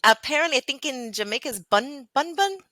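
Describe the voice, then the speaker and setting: A woman co-hosting a relaxed podcast chat with her cousin, moving easily between English and Spanish. Her voice is bright and a little higher than usual. She is lively in pitch, and the sound is dry. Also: brisk, no echo. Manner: chatty, slips into Spanish mid-sentence. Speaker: podcast co-host.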